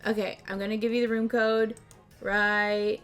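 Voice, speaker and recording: An easygoing woman hosts a casual game livestream, chatting at a middle pitch. Music plays softly behind her relaxed, offhand talk. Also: normal speed. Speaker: streamer and host. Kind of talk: casual livestream chat while playing party games.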